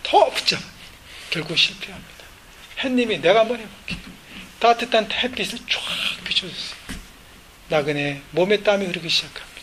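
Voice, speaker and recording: A man's voice: high voice, fairly bright tone, a little hiss or hum, low-quality recording. A male pastor preaching a sermon in church, emphatic, often asking the congregation rhetorical questions. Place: church sanctuary.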